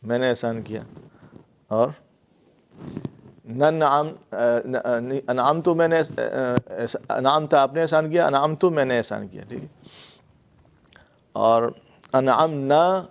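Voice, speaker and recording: Male lecturer, Pakistani Urdu accent, patient grammar teacher, repeats terms, mid pitch. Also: vocal fry, long pauses, slight background noise. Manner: explains patiently, repeats words and fillers. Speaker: Quran and Arabic grammar teacher. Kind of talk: classroom lecture.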